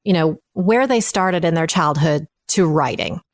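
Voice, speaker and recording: A woman's voice: low-pitched, expressive, a little slow, no room sound, clean studio sound. A woman hosting an interview podcast, encouraging and reactive. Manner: encouraging, reactive, laughs often. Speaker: podcast host. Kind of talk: conversational interview.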